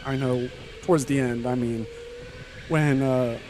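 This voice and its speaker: A man's voice: mid-range voice, steady tone, unhurried, music in the background. A man interviewed as a guest driver in a booth on a headset, out of breath, speaking loosely with many fillers. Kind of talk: casual interview. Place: announcer booth at an indoor kart track.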